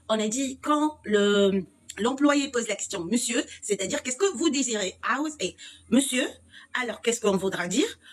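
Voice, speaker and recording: A woman teaching French to Arabic speakers with an Egyptian accent, explaining slowly and repeating words. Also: on the high side, husky. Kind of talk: language lesson, switching between French and Egyptian Arabic.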